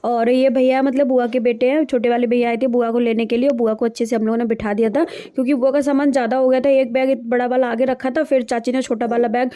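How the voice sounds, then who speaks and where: A woman's voice: fairly high pitch, level tone, fast, few pauses, mellow. A young woman narrating her day in a chatty, diary-like home vlog. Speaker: vlogger.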